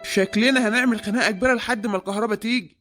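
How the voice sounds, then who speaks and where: A woman's voice: a little high, fairly even intonation, rapid-fire, fairly bright tone, faint music behind, natural voice. Woman playing a grumpy Egyptian cartoon dad. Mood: grumbling. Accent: Egyptian Arabic. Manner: grumbling, preachy.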